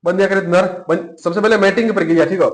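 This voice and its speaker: Rajasthani male coaching teacher: quick, high, self-questioning patter, roomy classroom sound. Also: fairly even intonation. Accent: Rajasthani Hindi. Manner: chatty, repeats points and asks himself questions. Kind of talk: classroom lecture with memory tricks.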